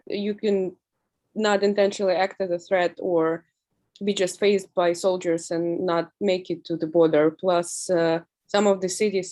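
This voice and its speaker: Ukrainian-accented young woman, low and flat. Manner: earnest, halting, many fillers and restarts. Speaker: interview guest. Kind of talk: remote interview.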